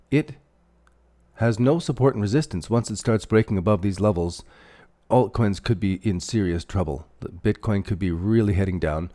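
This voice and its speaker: Canadian male streamer, low, mellow voice, loose rambling delivery while he reads chat and marks up charts. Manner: rambling, thinks aloud while drawing on charts; reads out and answers viewer chat. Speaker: crypto livestream host. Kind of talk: casual livestream chart commentary.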